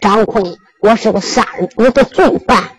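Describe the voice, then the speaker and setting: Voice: medium pitch, normal speed, slightly rough, no room sound, soft background music, voice pushed down, close to an everyday voice. A storyteller playing a humble young warrior with a Henan accent. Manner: pleading, deferential. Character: young warrior, humble and blood-soaked, earnest.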